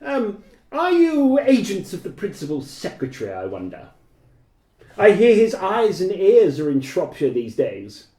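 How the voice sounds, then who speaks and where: A man's voice: sits high, wildly swooping pitch, a little slow, warm tone, voice pushed up, heavily acted. A man voicing a suspicious, formal young male plague doctor who asks probing questions in old-fashioned speech. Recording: echoey room.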